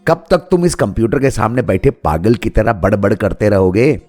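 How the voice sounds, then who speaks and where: A man's voice: on the low side, lively intonation, normal speed, darkish tone, faint music behind. A man voicing an irritated wife scolding her husband. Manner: scolding, complaining. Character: nagging, irritated middle-aged wife.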